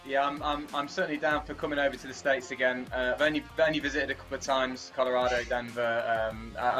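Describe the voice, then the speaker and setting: A man's voice: mid-range voice, fairly bright tone. A man co-commentating a virtual cycling race, chatty and repeating words as he thinks aloud.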